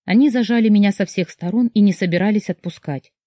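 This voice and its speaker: Female audiobook narrator for a tense first-person novel; middle-pitched, dry studio sound. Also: fast, warm tone, no room sound.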